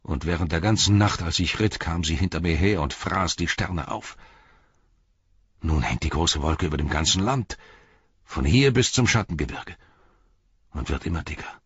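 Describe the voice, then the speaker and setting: A man's voice: low-pitched, lively intonation, normal speed, long pauses, fairly bright tone, slightly rough, dry recording, exaggerated voice. A man reading the lines of a weary rider reporting grim news urgently, in a dull lo-fi audiobook recording.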